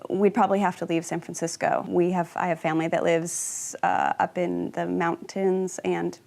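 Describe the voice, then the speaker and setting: A woman's voice: fairly low pitch, level tone, normal speed, gravelly, a little mellow. A woman, a local resident, answering casually and unscripted in an interview.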